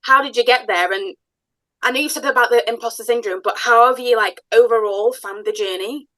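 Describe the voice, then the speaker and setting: A woman with a bright, fairly high voice hosts a podcast, chatting enthusiastically and telling stories in an animated way. Her voice sounds close and dry. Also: brisk, no echo, poor audio. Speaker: podcast host, business owner. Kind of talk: casual podcast conversation.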